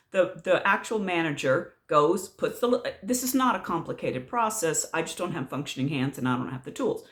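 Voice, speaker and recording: A woman's voice: mid-range voice, a bit bright. A middle-aged woman vlogger telling a story in a casual rant, exasperated and sarcastic.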